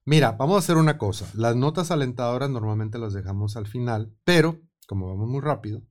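Man, mexican spanish accent, radio host, casual studio chat, quick and animated. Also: medium pitch. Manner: animated, quick, laughing often.

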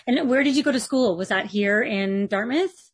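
A woman's voice: fairly high pitch, moderate pace, husky. A woman, co-hosting a podcast and asking questions in a conversational way. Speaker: podcast co-host. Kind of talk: conversational interviewing.

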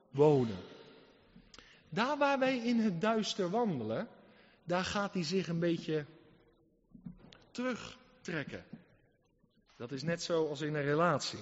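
A man preaching with a high-pitched voice and an emphatic, earnest delivery, moving from loud exhortation to quiet asides. His voice carries a long reverb, as if filling a large hall. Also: very animated, slow pace, pauses often. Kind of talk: sermon. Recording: muffled sound in a reverberant hall.

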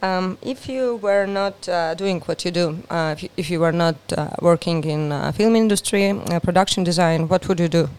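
An interviewer from Estonia puts questions with frequent hesitations. Her voice sits on the low side and comes across clean and smooth. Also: normal speed, few pauses, a little mellow. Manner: hesitant, filler-laden questioning.

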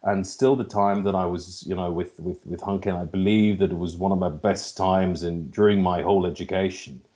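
His mellow voice sits low, with fairly even intonation and a moderate pace. He's a middle-aged logistics executive from Finland, speaking with a Finnish accent as a podcast guest, and he hesitates and repeats words as he searches for his phrasing in answering interview questions.

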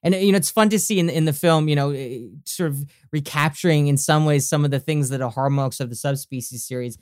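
A man's voice: on the high side, a little fast, a little mellow, smooth, no room sound, studio quality. A man hosting a group discussion, enthusiastic and asking open questions of his guests. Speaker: host.

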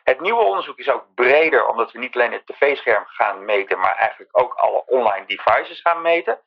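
A man's voice: mid-range voice, expressive, brisk, gravelly, lo-fi sound. A man speaking on a voicemail message, played back from a phone, giving a point-by-point briefing as an industry director. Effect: speaking on a voicemail, heard played back.

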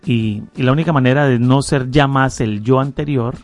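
A man's voice: mid-range voice, normal speed, soft background music. A man hosting a faith interview, reflective and encouraging as he asks questions. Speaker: host.

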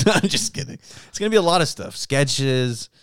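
A man co-hosting a podcast in loose, rambling chat, cracking crude jokes. His voice is smooth and clear, and it comes across dry and close with no room echo. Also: mid-range voice, animated, moderate pace, fairly bright tone. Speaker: podcast co-host.

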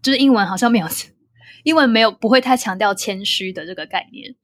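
A woman's voice: medium pitch, quick pace, no room sound, studio quality. A young adult woman from Taiwan with a Taiwanese Mandarin accent, chatting reflectively and casually, dropping in occasional English words.

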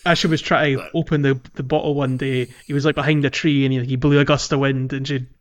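A man co-hosting a gaming podcast recaps a video game in a casual, informal chat, delivering it hesitantly. His mid-range voice moves little in pitch, and he talks fast.

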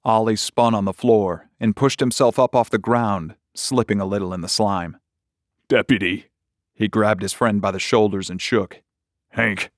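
A man narrating a horror short story in a measured, gritty storytelling manner. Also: lowish voice, dry recording, studio quality.

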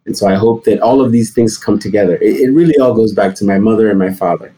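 A middle-aged man from Nigeria answering interview questions, telling stories with animated, climbing emphasis. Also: fast, slightly rough, poor audio. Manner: animated storytelling, rising high for emphasis. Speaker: guest.

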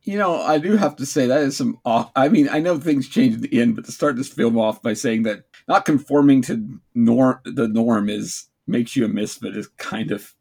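Casting: male co-host, raspy mid-range voice, informal, halting and jokey reactions. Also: mid-range voice, a little mellow. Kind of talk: casual reactive commentary.

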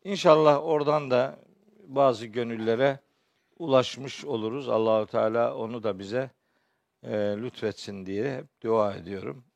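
A man giving a religious lecture as a teacher, his voice hoarse and strained, phrasing deliberately with pauses. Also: mid-range voice, dry recording, dull audio. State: hoarse from shouting the day before, clearing his throat often. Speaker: Quran teacher and preacher. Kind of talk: spoken religious lecture with verse commentary.

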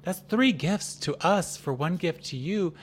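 A man's voice: high voice, expressive, a little slow, husky, pitched above the performer's own voice, heavily acted. A man playing the wary leader of a people who bargains hard, stammering and restarting as he negotiates. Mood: bargaining.

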